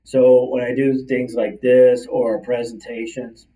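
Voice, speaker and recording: A middle-aged man, talking fast and chatty as a career coach hosting a livestream from his office. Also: medium pitch, little pitch movement, warm tone. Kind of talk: casual livestream coaching talk. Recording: distant mic, slightly far-off sound.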